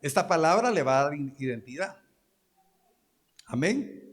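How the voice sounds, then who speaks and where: Guatemalan male pastor, high voice, exhorting sermon, reverberant church hall. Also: animated, a little slow. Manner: exhorting, calls for amens and agreement from the congregation. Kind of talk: preaching sermon.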